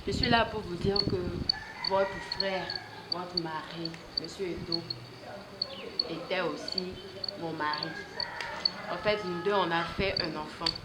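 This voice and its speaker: A woman's voice: fairly low pitch, steady tone, slow, long pauses. A woman playing a mistress who comes to claim an inheritance for her child, speaking in a pleading, then defiant way. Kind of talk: amateur drama acting. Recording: echoey room with loud noise.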